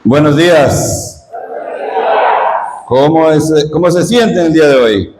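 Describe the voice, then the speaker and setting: A man's voice: fairly high pitch, takes it slowly, noisy background. Guatemalan preacher man in an echoey hall. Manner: warm conversational teaching, asks the audience questions. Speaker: lay missionary preacher. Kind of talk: retreat talk to a parish. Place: church hall.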